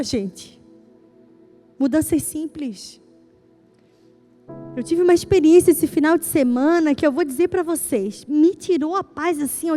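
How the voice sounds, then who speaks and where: Woman, pastor, sermon, high voice, emphatic repetition, faint music behind. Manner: emphatic, repeats lines for stress; retells scenes with lively voiced dialogue. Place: church service.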